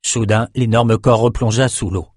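Low-voiced male audiobook narrator. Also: no room sound, studio quality. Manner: measured, steady storytelling. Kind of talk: scripted fantasy narration.

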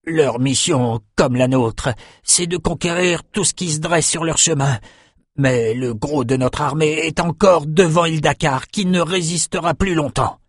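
Un homme qui joue un soldat ennemi mourant, fier et provocant, dans un livre audio enregistré au sec en studio. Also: male voice, fairly high pitch, a little slow, no echo. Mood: defiant. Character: dying enemy soldier, defiant and proud. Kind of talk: audiobook dialogue. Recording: dry studio recording.

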